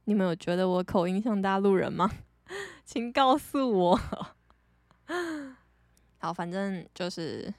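A young woman from Taiwan with a Taiwanese Mandarin accent, hosting a podcast and telling stories casually, chatty and animated, laughing often. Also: on the low side, creaky, no room sound, studio quality. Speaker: podcast host. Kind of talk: casual storytelling monologue.

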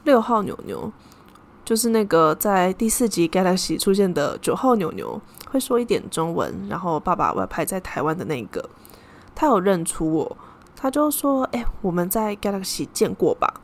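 A young woman from Taiwan hosts a podcast, telling a story in a relaxed, chatty manner and sprinkling in Japanese terms. Her fairly low voice is very animated and moves at a normal speed.

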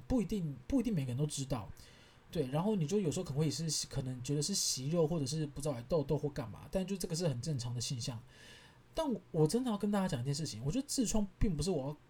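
A man in his thirties with a Taiwanese Mandarin accent, hosting a podcast and telling stories in an animated, exasperated way, laughing as he goes. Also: on the high side, breathy edge. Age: 30s. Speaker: podcast host. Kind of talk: casual storytelling monologue.

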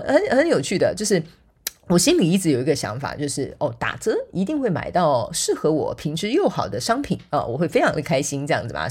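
A woman's voice: low-pitched, a little mellow, slightly rough. A sleepy woman hosting her own podcast, chatting casually and acting out bits of dialogue as she tells a story. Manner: chatty, acts out quoted dialogue, frequent fillers like OK and 哈. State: sleepy, softer voice than usual. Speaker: podcast host.

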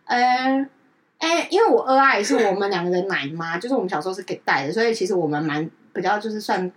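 A woman co-hosting a chat podcast, telling a family story in a lively way and acting out relatives' lines. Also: very fast, distant mic. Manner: animated, acts out family members' lines with big pitch jumps. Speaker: podcast co-host.

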